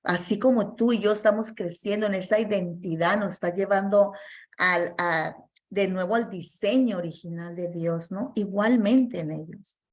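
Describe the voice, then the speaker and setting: A woman's voice: medium pitch, moderate pace. Earnest Spanish-speaking woman preaching. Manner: earnest, emphatic, many fillers and restarts. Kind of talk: sermon testimony.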